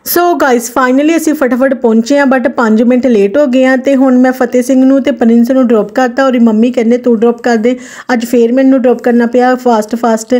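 A woman's voice: sits high, dark tone. A woman in her thirties with a Punjabi accent, narrating a casual daily vlog in a chatty, informal, exclamatory way. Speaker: vlogger.

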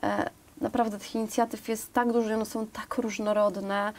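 Woman in her thirties, studio guest, level and even-toned, earnest, lapel-mic clean. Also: mid-range voice, moderate pace, a little hiss or hum. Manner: earnest, filler-heavy, lists examples. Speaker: volunteer program guest. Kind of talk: studio interview. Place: TV studio, seated on sofa.

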